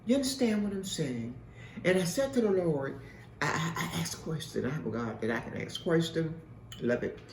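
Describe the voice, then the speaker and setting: A woman's voice: sits low, animated, normal speed, a little mellow, slight background noise. A woman host telling an emphatic, repetitive testimony in a preacher-like way. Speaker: host and mentor. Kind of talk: spoken testimony. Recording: echoey room from a distance.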